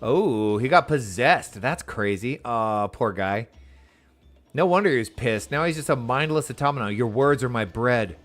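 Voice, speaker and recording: Excitable man streaming a game. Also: mid-range voice, moderate pace, faint music behind. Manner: excitable, exclaims and laughs often; reads on-screen dialogue aloud. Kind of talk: casual gameplay commentary.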